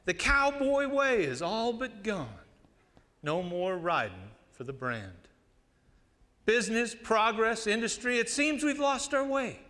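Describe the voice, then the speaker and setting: Animated cowboy poet, man with Western twang. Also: very high-pitched. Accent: American West cowboy twang. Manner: folksy old-time cowboy drawl with dramatic pauses. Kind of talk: cowboy poetry recitation to an audience. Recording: reverberant hall.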